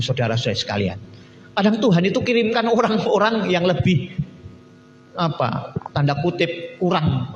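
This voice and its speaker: A male pastor with a Javanese accent preaching a sermon in church, lively and acting out the people in his stories. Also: a little high, roomy sound, in a large hall, highs cut off, a little hiss or hum. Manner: animated preaching, acting out quoted church members.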